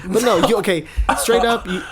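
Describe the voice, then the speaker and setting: A man's voice: sits high, fairly quick, noisy background. A young man co-hosting a podcast, teasing his friend and swearing casually as he recalls a story. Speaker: podcast co-host. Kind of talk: casual chat.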